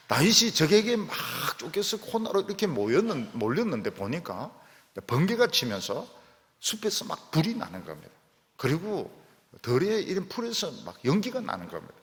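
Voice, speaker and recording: A male pastor preaching with dramatic, storytelling energy. His voice sits a little high and swoops across a very wide range. It rings out with long reverb from a church hall. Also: huge pitch swings, normal speed. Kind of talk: sermon. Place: church sanctuary.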